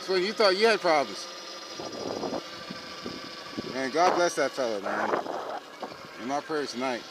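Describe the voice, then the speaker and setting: A man's voice: on the high side, big pitch swings, measured pace. A man hosting a casual riding vlog, rambling to himself and his viewers as he goes. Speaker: vlog host. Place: outdoors, riding an electric two-wheeler. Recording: loud wind noise, vehicle sounds. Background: loud wind and vehicle noise.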